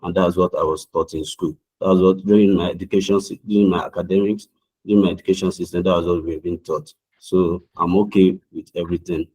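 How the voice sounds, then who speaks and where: The audio is poor, capturing a young man from Nigeria who answers simulated visa interview questions via video call in an earnest, formal style, frequently restarting. His Nigerian-accented voice is low, darkish and slightly rough, with fairly even intonation and a quick pace.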